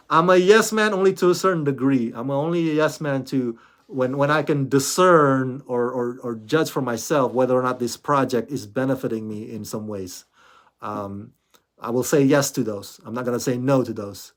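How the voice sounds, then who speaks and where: A man's voice: medium pitch, normal speed. A man hosting a casual commentary vlog, talking in a chatty, rambling way with many restarts and "you know"s, and laughing often. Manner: laughs often, playfully sarcastic. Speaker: channel host.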